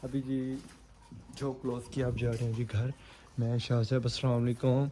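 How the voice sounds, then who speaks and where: A man runs his own vlog, chatting upbeat and straight to camera as he walks a street at night. His voice sits at an ordinary middle pitch. The outdoor recording carries clear background noise. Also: level tone, mellow. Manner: chatty, upbeat, addresses viewers directly. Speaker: vlogger and channel host. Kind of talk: casual vlog chat.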